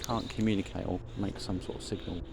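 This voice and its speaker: A man chatting casually to a vlog audience while walking around outdoors, musing in a halting way and trailing off mid-thought. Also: steady tone, gravelly. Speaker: paranormal investigator filming a vlog. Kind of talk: casual rambling vlog chat. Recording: noisy outdoor ambience, traffic rumble.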